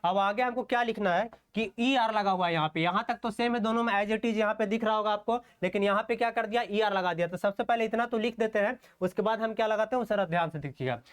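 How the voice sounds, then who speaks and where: A man's voice: sits high, clean tone. A man teaching an online shorthand class, walking through strokes step by step, often asking rhetorical questions and checking in with "okay". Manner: slow, step-by-step explanation while writing strokes.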